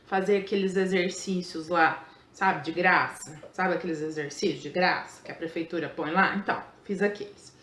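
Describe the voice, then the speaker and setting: A woman's voice: lowish voice, normal speed, hardly any pauses, fairly bright tone, echoey room, slight background noise. A middle-aged woman teaching a chatty grammar lesson, playful and joking, checking in with her students all the time. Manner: playful, asks the class constantly and jokes aside.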